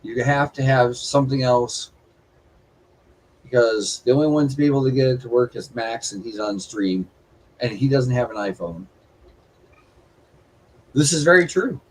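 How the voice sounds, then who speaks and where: A man co-hosting a casual livestream chat, rambling a little with restarts and chatty shout-outs. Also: medium pitch, normal speed, pauses often, husky, rough recording. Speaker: livestream co-host.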